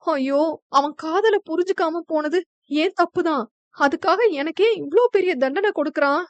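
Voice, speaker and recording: A woman's voice: high-pitched, lively intonation, measured pace, no echo, lo-fi sound, voice pushed up. A woman voicing a young woman in love in a romance audio novel, pleading and tearful.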